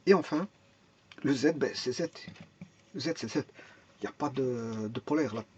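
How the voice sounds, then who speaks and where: A man's voice: mid-range voice, moderate pace, a little mellow, highs cut off, slight background noise. A man teaching a math and physics lesson, explaining step by step, thinking aloud, repeating words and restarting often, and asking and answering his own questions.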